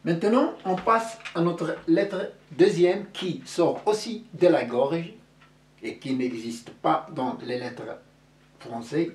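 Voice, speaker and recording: A man's voice: fairly high pitch, takes it slowly, a little mellow, slight background noise. A man gives a classroom-style lesson at a crawling pace, drawing out every sound and repeating it several times. He sounds a little distant from the mic, and the room around him is echoey. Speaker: Arabic teacher.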